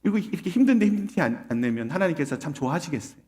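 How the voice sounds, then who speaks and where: Male pastor, middle-aged, sermon, storytelling, lively rising and falling pitch, fairly high voice. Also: racing. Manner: storytelling, conversational, rhetorical questions to the congregation.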